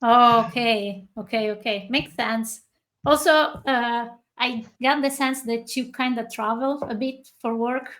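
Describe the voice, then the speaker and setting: A woman hosts a podcast interview over a video call. She talks slowly and chattily, with a slightly high voice. She often pauses and starts her sentences again. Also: fairly even intonation, fairly bright tone. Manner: chatty, slow and halting, with laughs. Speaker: podcast host.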